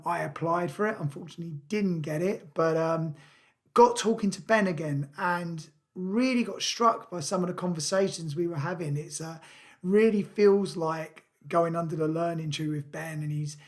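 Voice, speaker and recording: Young guy hosting his podcast, bit high voice, lots of ums and uhs. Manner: halting, many fillers, chatty. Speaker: podcast host. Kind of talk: casual podcast chat.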